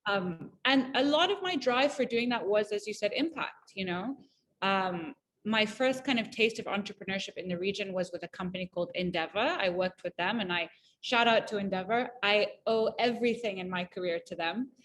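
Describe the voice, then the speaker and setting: A woman's voice: medium pitch, normal speed, fairly bright tone, a little hiss or hum. Upbeat chatty woman from Malawi. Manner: chatty, upbeat, many fillers and restarts. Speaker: entrepreneur guest. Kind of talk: casual conversational interview.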